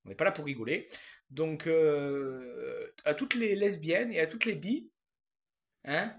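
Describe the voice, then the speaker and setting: A man doing a rambling comic monologue to camera, crude and jokey, full of fillers and repeated phrases, swinging between loud outbursts and low mutters. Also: slow pace. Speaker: vlogger.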